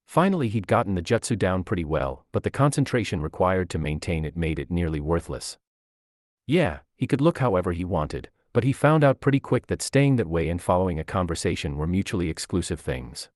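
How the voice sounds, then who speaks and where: A man narrating a fan fiction story aloud in an expressive, lively storytelling manner. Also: low-pitched, a little fast, no echo, clean studio sound.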